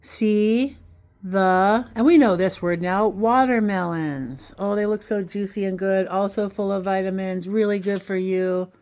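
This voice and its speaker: Slow, encouraging kindergarten teacher woman. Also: medium pitch, darkish tone. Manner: slow, encouraging, sounding out letters. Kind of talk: children's phonics lesson.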